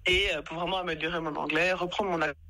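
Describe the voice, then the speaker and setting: A woman's voice: lowish voice, fast talker. A Parisian-born woman in her thirties, a guest coach telling her story in a casual podcast chat, full of fillers and restarts. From France, Paris. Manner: hesitant, many fillers and restarts, animated retelling.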